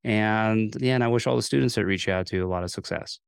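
A man's voice: lowish voice, quick pace, gravelly, clear, resonant tone, no room sound, clean studio sound. An American man hosting a podcast, chatting casually with a guest. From United States. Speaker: podcast host. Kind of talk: casual interview chat.

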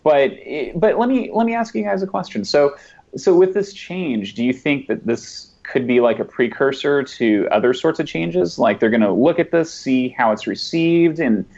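A man's voice: fairly high pitch, lively intonation, moderate pace, creaky, darkish tone, lo-fi sound. A man on a tech podcast, chatting casually in a joking, self-deprecating way and asking the others questions.

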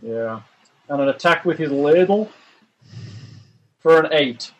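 A man acting as game master of a tabletop game, narrating attack rolls and damage in a relaxed, jokey way. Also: on the high side, takes it slowly, poor audio.

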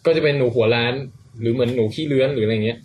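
Fast-talking man telling a science story. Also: mid-range voice, a little hiss or hum. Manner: animated storyteller, playful, fast-paced. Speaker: podcast host explaining a science story. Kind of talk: casual chat.

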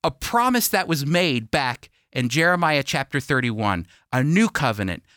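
With a medium-pitched, very animated voice at a moderate pace and a fairly bright tone, a man preaches a sermon and reads scripture. As a radio preacher and Bible teacher he stresses and repeats key phrases and poses rhetorical questions, in clean studio sound with no echo.

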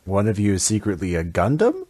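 A man's voice: on the low side, wildly swooping pitch, brisk, darkish tone, breathy edge, no echo. A man chatting casually as a player in a tabletop game, laughing often.

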